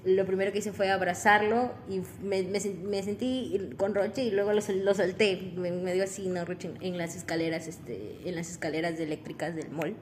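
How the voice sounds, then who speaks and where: A woman's voice: mid-range voice, steady tone, normal speed, few pauses, slight background noise. Young woman, podcast co-host, casual gossip storyteller, chatty and giggly. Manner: chatty, laughs often, rambling with restarts.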